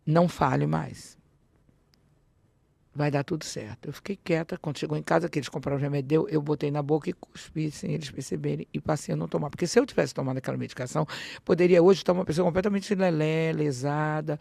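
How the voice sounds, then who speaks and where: Woman, podcast guest, animated storytelling, gravelly, close dry mic. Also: sits low, quick pace, no room sound. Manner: animated, acts out dialogue, frequent restarts. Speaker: interview guest. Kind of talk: personal storytelling in a podcast interview.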